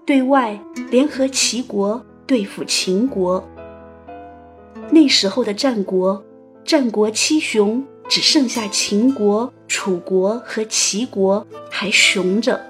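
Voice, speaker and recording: A woman narrating a written story as an audio host, in a playful, chatty manner with lively asides. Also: fairly high pitch, takes it slowly, faint music behind.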